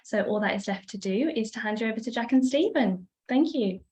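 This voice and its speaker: A woman hosting a business webinar, reading a formal welcome and housekeeping notes clearly. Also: fairly high pitch, animated, fairly quick, a little mellow, slight background noise. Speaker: webinar host.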